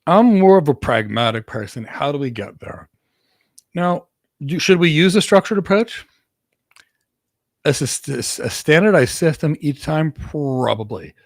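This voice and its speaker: Answering career questions from viewers, this man, originally from Greece but with an American accent, works as a cloud architect and host. His voice sits on the high side with big pitch swings and a measured pace, and he stresses points emphatically by repeating words, all captured in studio quality with no room sound.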